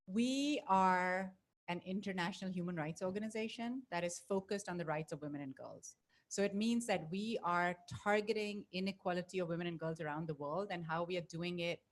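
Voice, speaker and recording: A middle-aged woman from Pakistan, speaking on a panel before an audience, telling her story earnestly into a handheld mic. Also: fairly low pitch. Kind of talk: panel talk. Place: event space with audience.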